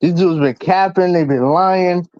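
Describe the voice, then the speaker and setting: A man's voice: sits high, measured pace, darkish tone, no room sound. A man calling in over a phone line for a casual chat, brash and slangy, laughing often. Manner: brash, slangy trash talk with frequent laughter. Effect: heard over a phone call. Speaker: caller on a livestream. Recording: dull, lo-fi phone audio.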